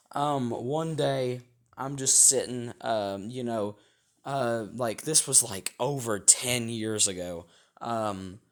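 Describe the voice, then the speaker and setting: A young man with a sore, rough throat, casually telling a rambling story for his vlog, full of fillers and self-corrections. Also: mid-range voice. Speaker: storytime vlogger.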